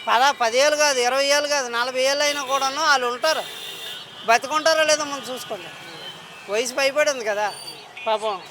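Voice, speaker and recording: A man's voice: extremely high pitch, a little fast, background noise. A man on a city street answering a reporter indignantly, firing rhetorical questions. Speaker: member of the public.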